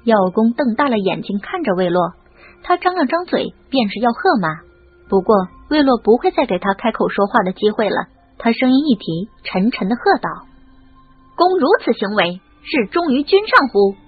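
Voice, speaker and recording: Husky woman narrating a novel. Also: on the high side, normal speed. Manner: expressive storytelling. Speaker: audiobook narrator. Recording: lo-fi phone-like audio. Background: faint music.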